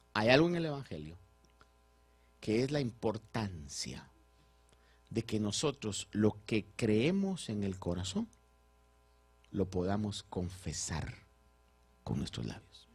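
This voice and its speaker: A man preaching a sermon as pastor, swinging between loud and soft and putting rhetorical questions to the congregation. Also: on the low side, slightly rough.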